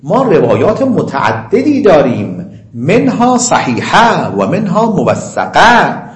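A man lecturing on religious law, reciting Arabic passages slowly and explaining them in quick, conversational asides. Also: on the high side, wildly swooping pitch, reverberant. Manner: slow chanting of quoted Arabic, quick asides. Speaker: seminary lecturer.

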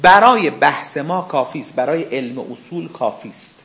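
A man's voice: fairly high pitch, animated, creaky, a bit bright. A man teaching a religious seminary lesson, who acts out questions and answers with imagined speakers and asks his listeners rhetorical questions. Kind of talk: spoken lecture.

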